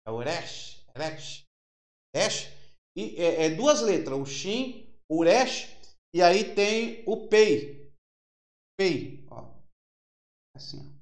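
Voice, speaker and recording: High-voiced fervent male preacher, echoey room. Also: animated. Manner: fervent, then slow and explanatory, spelling out letters on a board. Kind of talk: sermon with a Hebrew lesson.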